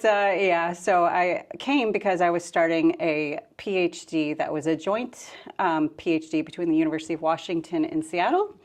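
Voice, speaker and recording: A woman in her forties, guesting on a podcast, with a slightly low voice. She talks in a relaxed, conversational way and thinks aloud as she goes. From United States. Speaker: guest, fisheries scientist. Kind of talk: casual interview chat.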